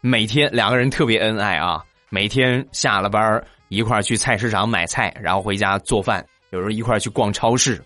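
A man's voice: on the low side, fairly quick, hardly any pauses, sharp tone, dry recording, soft background music. A man hosting a comedy show, telling funny anecdotes in a chatty style and laughing at his own jokes. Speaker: comic storyteller host. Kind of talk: comic anecdote storytelling.

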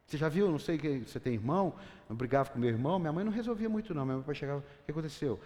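A middle-aged man preaching a lively, conversational sermon, firing questions at the congregation. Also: a little high, racing. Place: church hall. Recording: long church-hall reverb.

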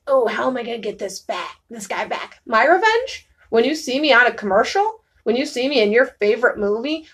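A young woman chatting as a podcast guest, emphatic and bubbly, laughing often. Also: a little high. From New York state. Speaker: guest, actress. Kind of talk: casual podcast chat.

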